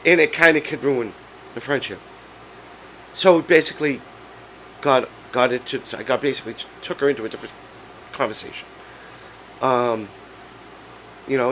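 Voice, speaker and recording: A man around sixty talks in a low, gravelly voice that is hoarse and giving out. He speaks casually and haltingly, like a vlogger telling a personal story, repeating words as he goes. A clear background hum sits under him. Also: a bit bright, low-quality recording. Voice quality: hoarse, breaking voice. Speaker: vlog host.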